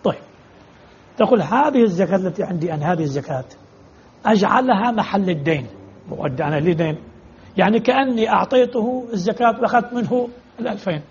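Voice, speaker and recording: A man lectures on religious law, talking quickly in a high, very husky voice. He works through repeated examples and poses rhetorical questions to his students. The recording is dull and lo-fi. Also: animated, a little mellow. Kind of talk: jurisprudence lecture answering students.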